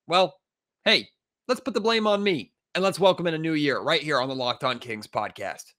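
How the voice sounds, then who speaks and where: Man, sports podcast host, congested with a cold, fairly high pitch, emphatic, frustrated. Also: normal speed, bright, forceful tone. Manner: emphatic, frustrated, talks with many fillers. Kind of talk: casual sports podcast commentary.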